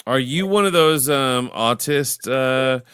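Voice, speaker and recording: Slow-paced yet animated, a man with a fairly bright, clean baritone runs a livestream full of rambling chat, crude jokes and filler words. The sound is dry and studio-clean.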